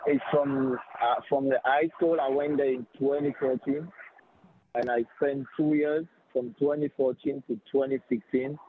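A man's voice: mid-range voice, little pitch movement, moderate pace, phone-quality sound, noisy background. A young man in his twenties from Cameroon, a soccer player guest on a podcast, speaking hesitantly with many fillers. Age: 20s. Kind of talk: podcast interview.

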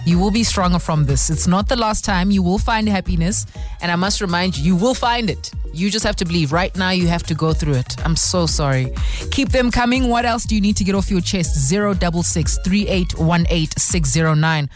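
A woman's voice: lowish voice, a little fast. A woman with a South African accent hosting a radio phone-in, conversational and encouraging, speaking straight to listeners. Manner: sympathetic, encouraging, addresses listeners directly. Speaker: radio host. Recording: studio radio over music bed.

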